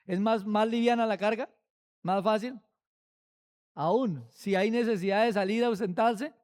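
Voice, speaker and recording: A man preaching at a Bible study. He speaks slowly and with emphasis, asking many rhetorical questions. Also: sits high, darkish tone.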